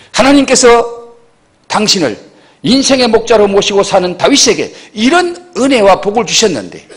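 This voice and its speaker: A man preaching as senior pastor, emphatic and repetitive, swinging between loud and soft. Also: high voice, husky. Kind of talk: sermon.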